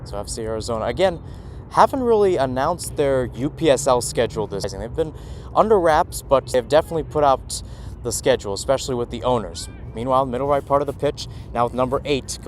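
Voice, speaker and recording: Calling a youth soccer match live for radio from the sideline, a man with a mid-range voice speaks fast with lively intonation. He alternates clipped play calls with rambling asides, and the outdoor ambience is noisy, with traffic humming.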